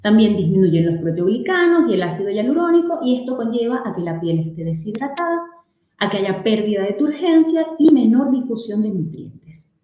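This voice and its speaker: A woman's voice: on the high side, very animated, moderate pace, echoey room, highs cut off. A woman doctor from Venezuela gives a clinical lecture to colleagues. She explains things step by step and works through patient cases. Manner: explanatory, addressing colleagues with case examples. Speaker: aesthetic medicine doctor giving a webinar talk.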